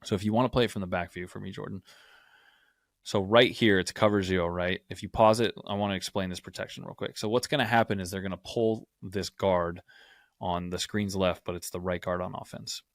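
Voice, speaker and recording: A man's voice: low-pitched, steady tone, a little fast, vocal fry, no room sound, studio quality. A man co-hosting a football podcast, explaining plays from game film and often checking in with "right?". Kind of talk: film breakdown.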